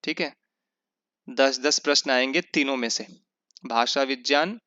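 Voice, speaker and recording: Bright, clear-voiced male teacher. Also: mid-range voice, no room sound. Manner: explains step by step, asking and answering his own questions; slows down to spell out sounds and example words. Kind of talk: online revision lecture. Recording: dull lo-fi sound.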